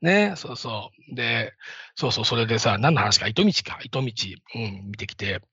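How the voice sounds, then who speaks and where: A husky-voiced man in his fifties rambles through a casual solo talk, pitched a little high and swinging up and down with lively energy. He is self-deprecating and moves along fast. The recording sounds dull and dry. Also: no room sound. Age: 50s.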